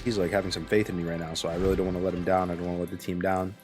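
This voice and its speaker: Sleepy male streamer, very low voice, rambling laid-back chat, faint music behind. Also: little pitch movement, very fast, a little mellow. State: sleepy, yawning. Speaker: game streamer. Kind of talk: casual live-stream chat while playing.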